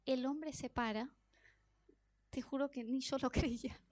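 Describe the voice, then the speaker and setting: A woman's voice: high voice, measured pace. A woman preaching an earnest testimony sermon to her congregation. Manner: earnest, building to excited storytelling.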